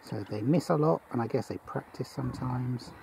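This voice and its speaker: A man from England giving live commentary while he films a bird on open fenland, talking quietly to viewers through his camera mic. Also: medium pitch, normal speed, vocal fry, rough recording. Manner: quiet, musing asides to viewers. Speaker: wildlife filmer. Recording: outdoor camera audio with wind and bird noise.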